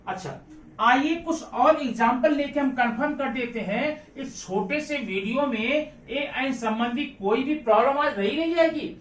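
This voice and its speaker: A male teacher with a very high, slightly bright voice leads a grammar lesson in class, repeatedly questioning his students and repeating key words. He sounds far away in an echoey room.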